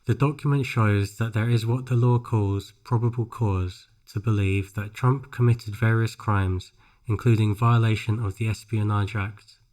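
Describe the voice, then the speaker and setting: Man, lower-pitched voice, pronunciation drill narration, careful phrasing, measured scripted read. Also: steady tone, a little mellow. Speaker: English shadowing practice narrator.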